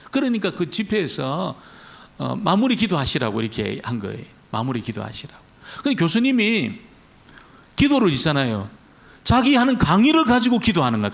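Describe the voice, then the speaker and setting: Gravelly, lively-voiced male pastor preaching. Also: on the high side. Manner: conversational preaching, repeats key words. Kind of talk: Friday prayer meeting sermon. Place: church.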